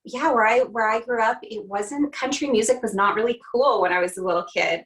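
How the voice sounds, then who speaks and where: A young woman from Canada talks as a guest in a relaxed video-call interview. She is chatty and upbeat, laughing easily between thoughts. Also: fairly high pitch, fairly quick, low-quality recording. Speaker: country singer, interview guest.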